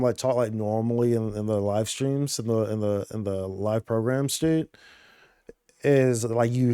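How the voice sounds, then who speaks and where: A man's voice: medium pitch, mellow, no echo. A male streamer talking loosely over his game, rambling and slangy with constant fillers. He has a mid-range voice and sounds dry and close, with no room around him. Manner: rambling, slangy, full of "dude" and "like". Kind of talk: casual chat over gameplay.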